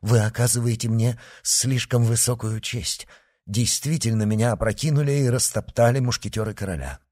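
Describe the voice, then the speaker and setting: A man's voice: mid-range voice, moderate pace, darkish tone, pitched above the performer's own voice, natural voice. A man voicing an older, humble councillor who speaks effusively. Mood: flattered.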